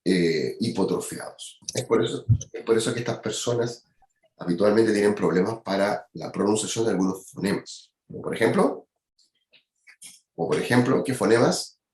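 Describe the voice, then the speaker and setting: A man delivers a university anatomy lecture in a fairly low voice. He explains step by step and keeps checking that his students follow along. The sound is roomy and echoey, as in a classroom. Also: moderate pace, a little mellow. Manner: explanatory, peppers speech with "¿ya?" and "¿cierto?".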